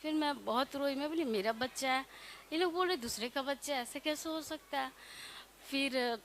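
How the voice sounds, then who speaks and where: A young woman from Bihar telling her personal story in a halting, hesitant way, full of fillers and restarts. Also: high-pitched, fairly bright tone. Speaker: devotee sharing testimony. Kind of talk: emotional personal testimony.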